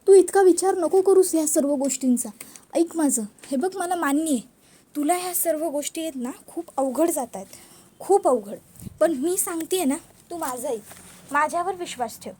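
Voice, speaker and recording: A woman voicing a calm, protective young woman who soothes and reassures firmly. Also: high voice, moderate pace. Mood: firm reassuring. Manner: firm, soothing. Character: calm, protective older sister figure, reassuring.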